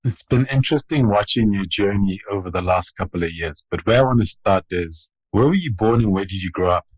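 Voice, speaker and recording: A man's voice: low voice, expressive, brisk, breathy edge, dry recording. A man hosting a podcast, introducing his guest and asking thoughtful, hedging questions. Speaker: podcast host. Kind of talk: interview questions and scripted intro. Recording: dull, lo-fi and dry.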